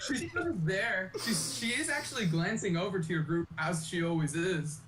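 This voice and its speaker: A man's voice: high-pitched, animated, normal speed, over a noisy crowd. A young man narrating as game master of a tabletop game, casual and playful. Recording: distant mic, roomy echo, faint noise.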